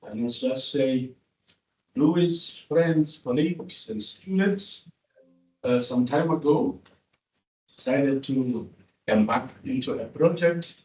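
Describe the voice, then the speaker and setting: Slow, formal man in an echoey hall. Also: mid-range voice, a little mellow. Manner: measured, formal. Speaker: master of ceremonies. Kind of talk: formal event introduction. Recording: echoey hall, mic far off.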